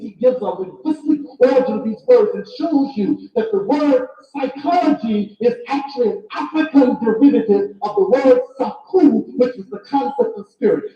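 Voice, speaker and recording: A man lecturing an audience as an author, speaking emphatically and repeating phrases in a preaching cadence. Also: very high-pitched. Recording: echoey, distant, dull lo-fi recording.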